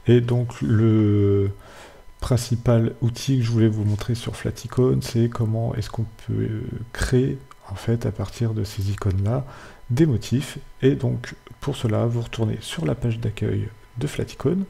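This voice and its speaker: A young man hosting a casual screen-recorded software tutorial, hesitating often as he explains each step. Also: medium pitch, vocal fry, breathy edge. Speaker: tutorial host.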